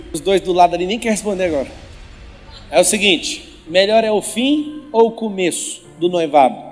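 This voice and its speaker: High-voiced man teasing a live crowd. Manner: teasing, quizzes the audience directly. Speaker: motivational speaker. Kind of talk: live motivational talk with religious teaching. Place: large event venue with live audience. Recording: reverberant event hall with faint music.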